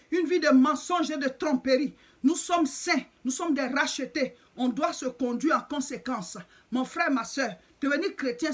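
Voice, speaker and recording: Woman preacher, high voice, insistent and repetitive sermon delivery. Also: fairly bright tone.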